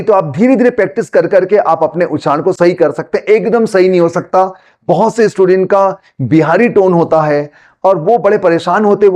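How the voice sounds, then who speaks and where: A man from Gujarat with a Gujarati accent, a native Gujarati speaker, teaching spoken English in a relaxed conversational way and slowly repeating example sentences. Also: high voice. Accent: Gujarati-accented Hindi. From Gujarat, India.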